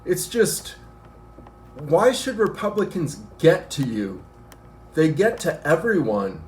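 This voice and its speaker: A man's voice: fairly high pitch, takes it slowly, slight background noise. A man in an argumentative rant to camera, out of breath from working out as he talks. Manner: animated, argumentative, working out while talking. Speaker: vlogger. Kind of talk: ranting commentary to camera. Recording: echoey room.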